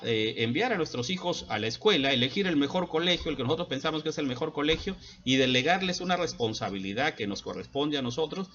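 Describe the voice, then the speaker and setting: A middle-aged man, a school psychologist giving an earnest advice talk to parents, often pausing on hesitant fillers. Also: medium pitch, a bit bright, dull audio. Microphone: laptop.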